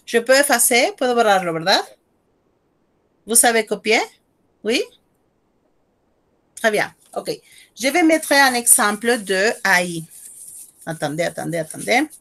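Woman teaching french on a video call, a bit high-pitched, friendly and coaxing. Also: expressive, slow pace, long pauses, fairly bright tone. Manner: friendly, coaxing, switches between Spanish and French. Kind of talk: online class teaching.

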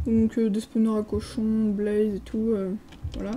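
Poor audio captures a French woman, a gaming video creator, giving a casual, hesitant commentary as she tours a game server. She reads signs aloud with plenty of filler sounds, and her mid-range voice is warm, level and unhurried.

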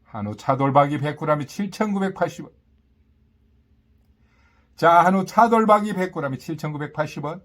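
A man with a slightly high voice delivers a live market vendor's sales pitch. He calls out items and prices in short, punchy phrases, repeating them and tossing in boastful catchphrases to sell the deal. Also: expressive, moderate pace, pauses often, fairly bright tone. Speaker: market vendor announcing produce and meat prices. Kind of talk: live sales patter, calling out prices and specials.

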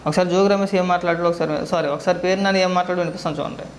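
Man, political commentary, scolding, sarcastic, fast, high voice, echoey room. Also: steady tone, slight background noise. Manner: scolding, sarcastic rhetorical questions.

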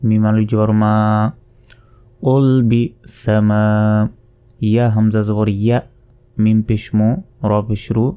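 A man with a Bangladeshi Bengali accent teaches Quran reading in a low, very mellow voice. He spells the letters out slowly and patiently, drawing out each recited word. His tone is smooth and resonant.

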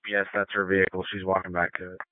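A man's voice: sits low, little pitch movement, fast talker, dry recording, phone-quality sound. A man speaking tersely and procedurally over a two-way radio as a fire battalion chief on scanner audio. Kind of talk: fire department radio dispatch traffic.

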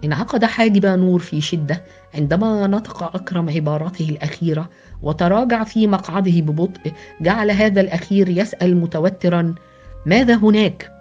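Woman narrator, dramatic audiobook read, muffled lo-fi with soft music. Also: fairly low pitch, brisk. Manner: dramatic and steady. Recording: dull lo-fi with background music.

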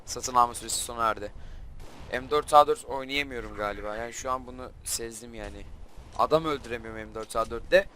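A man's voice: medium pitch, a little hiss or hum. Frustrated young man commentating his gameplay. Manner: frustrated, quick to flare up and shout at the game. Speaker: gaming channel host.

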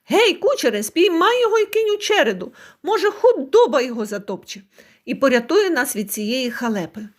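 A woman's voice: high voice, big pitch swings, brisk. A woman voicing an arrogant, angry rich landlord in a folk tale, giving blustering commands. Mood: angry commanding.

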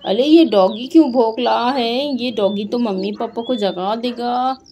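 A woman's voice: on the high side, measured pace, voice pushed down, close to an everyday voice. Woman voicing an eager sneaky little girl. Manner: chatty, excited, talking to herself. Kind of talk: doll story voice acting.

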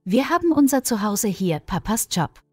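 A woman voicing a young pregnant village woman, quiet and resolute, in a storybook reading. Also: medium pitch, sing-song, moderate pace, slightly rough, no echo, studio quality, faint music behind. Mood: earnest.

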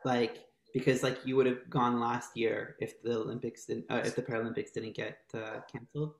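A young man from Maryland hosting a casual video call interview, upbeat and laughing, talking in quick bursts. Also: mid-range voice, little pitch movement, gravelly. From Maryland, United States. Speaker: host. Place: home room. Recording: roomy video call audio.

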